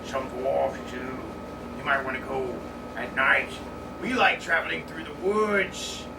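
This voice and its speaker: A man as a slow-talking orc giving ominous warnings. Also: mid-range voice, steady tone, vocal fry. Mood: ominous, amiable. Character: shady male orc traveler, slow warnings, crudely amiable. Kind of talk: tabletop role-play. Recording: roomy, distant mic, loud background hum.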